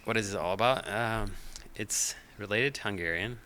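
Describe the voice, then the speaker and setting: A middle-aged man from Finland, a podcast guest whose first language is Finnish, chatting in a relaxed, hesitant way with many fillers. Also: lowish voice, normal speed, slight background noise. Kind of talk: casual interview chat.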